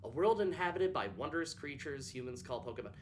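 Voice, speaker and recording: A man's voice: medium pitch, lively intonation, a little hiss or hum, close to an everyday voice. A man reading as Arceus, a solemn creator god. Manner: slow, archaic, grave reading. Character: ancient all-powerful creator deity, solemn.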